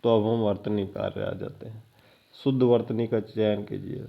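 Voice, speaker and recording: A male teacher with a fairly low, steady voice and vocal fry goes through exam questions at a moderate pace. In this exam-prep lecture he repeats each answer word several times and checks in with a rising "ठीक है" after each point, captured in a dull lo-fi recording.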